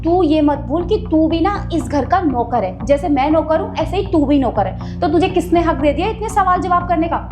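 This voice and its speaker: A woman playing a high-voiced quarrelsome maid. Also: animated, moderate pace, over music. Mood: defensive, scolding. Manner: snappy and quarrelsome, then pleading. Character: female house maid, poor, defensive. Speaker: maid in a short comedy-drama skit. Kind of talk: Hindi web-skit acting.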